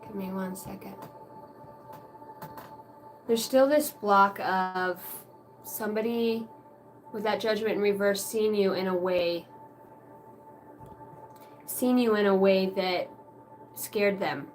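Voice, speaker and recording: Taking it slowly with long pauses, a tarot reader with a mid-range voice does a live reading for viewers over faint music. She rambles casually, using many fillers and the occasional mild swear word.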